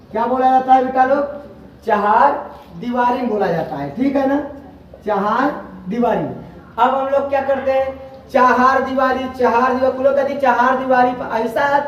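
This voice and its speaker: A man teaching a Hindi spelling lesson, drilling each word slowly and calling his students "beta log". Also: very high voice. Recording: far-off echoey dull room sound with faint noise.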